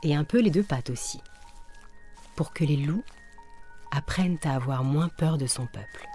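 A woman reading a children's tale aloud, gentle and soft-spoken, at times dropping to a whisper. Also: deep voice, animated, moderate pace. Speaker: storyteller. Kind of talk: storybook reading. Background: faint music.

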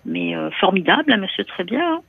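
A woman's voice: medium pitch, big pitch swings, a little fast, creaky. A woman calling a radio show over a landline phone, talking hesitantly and repeating her words as she confides. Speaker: radio caller. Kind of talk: call-in conversation. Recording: tinny phone line, dry.

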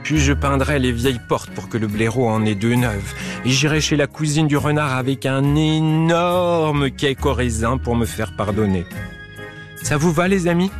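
A man voicing a gentle, dreamy male hippo who speaks sheepishly in a children's storybook. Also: mid-range voice, moderate pace, music in the background, pitched above the performer's own voice, close to an everyday voice. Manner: sheepish, apologetic.

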